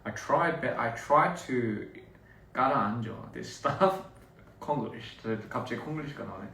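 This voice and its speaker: Speaking rapid-fire in a mid-range voice, this young Australian livestreaming artist rambles relaxedly with his fans, laughing as he goes; English is his first language. The recording has a slight hiss or hum, an echoey room, and a distant phone mic.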